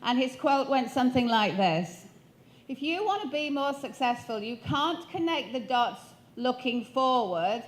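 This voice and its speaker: A woman's voice: high-pitched, animated, unhurried. A woman in her fifties from Sheffield, giving a keynote talk on stage into a handheld mic and quizzing the audience with questions. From Sheffield, northern England. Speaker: motivational speaker. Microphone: handheld microphone.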